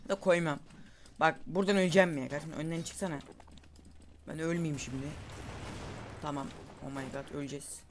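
A young man giving casual, excitable commentary over his own gameplay, calling out moves to his viewers. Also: fairly high pitch, fairly quick, pauses often. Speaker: gaming YouTuber. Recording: faint game noise and gunfire behind.

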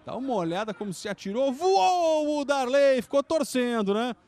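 A Brazilian man giving excited live play-by-play football commentary, exclaiming and stretching out his big calls. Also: very high voice. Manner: exclamatory, with drawn-out shouted calls.

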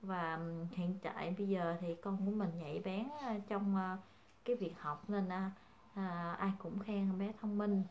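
A young woman chats to her viewers as a mother. She pauses often and fills the gaps with soft fillers as she goes. Her voice sits mid-pitched, with a faint ambient hiss behind it. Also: fairly even intonation, dull audio. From Vietnam. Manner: hesitant, many fillers, calls viewers family. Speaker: vlogger, mother. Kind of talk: casual chat to viewers.

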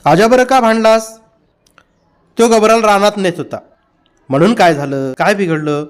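Male narrator doing a stern village mom in an audiobook, firm and chiding, high-pitched. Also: normal speed, smooth, lightly acted. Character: village mother, firm and scolding.

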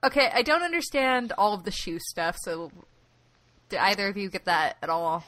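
Bright, curious woman podcast host. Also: mid-range voice, lively intonation, moderate pace, no echo. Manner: curious, questioning, wry. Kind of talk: casual podcast chat.

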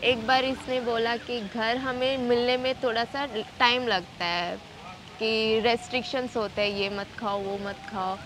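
A woman's voice: on the high side, steady tone, measured pace, music in the background. A young woman from Tamil Nadu, a student, chatting in an interview and explaining things with quoted dialogue. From Tamil Nadu, India. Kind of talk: casual interview.

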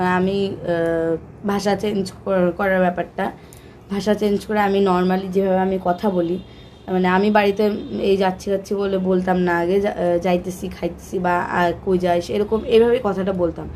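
A woman's voice: mid-range voice, a little mellow, a little hiss or hum. A young woman from Bengal vlogging in a casual, rambling way with many fillers and restarts. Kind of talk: casual chat to camera.

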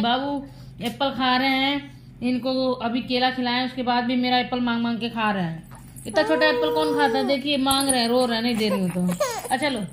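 A woman's voice: on the high side, a little hiss or hum, poor audio. A woman filming a casual home vlog of her baby, narrating to viewers and cooing in playful baby talk.

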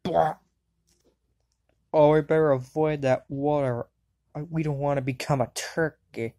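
A woman with a low, slightly slow voice plays a jokey, excitable young boy wizard in a cartoon fan dub, firing off wisecracks and yelping exclamations.

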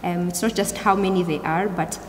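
A woman's voice: on the low side, fairly even intonation, fairly quick. Young woman preaching in an echoey hall. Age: young adult. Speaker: youth service preacher. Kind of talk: sermon. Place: large church hall, indoors. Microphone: gooseneck pulpit microphone. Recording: echoey hall, clear background noise.

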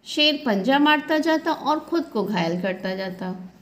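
A woman's voice: high-pitched, animated, a little slow. A young woman teacher who reads a story aloud to children, then explains it again and asks the class questions. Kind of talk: storytelling lesson, reading a textbook to children.

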